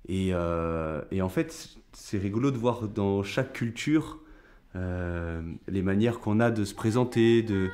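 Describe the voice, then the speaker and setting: A man's voice: on the low side, unhurried, a little mellow. A man giving an unscripted presentation, hesitant and searching for his words.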